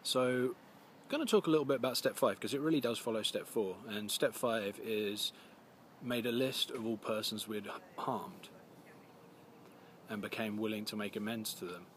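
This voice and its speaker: A man with a gruff, scratchy voice, hoarse from a cold, giving earnest, plain-spoken, encouraging advice to viewers in a casual vlog. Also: fairly low pitch, moderate pace. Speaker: recovery video series host.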